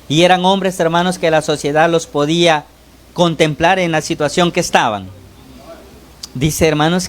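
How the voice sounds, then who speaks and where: With frequent pauses to call on the brothers and ask "¿verdad?", a Salvadoran lay preacher gives a sermon. His voice swings hard between phrases, going up and down in pitch and volume.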